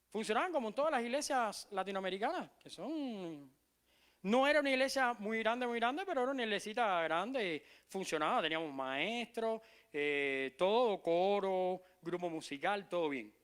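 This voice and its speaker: A middle-aged man from Cuba with a Cuban Spanish accent, preaching a sermon as pastor, emphatic and repeating key phrases, sometimes dropping to soft low asides. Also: clean tone.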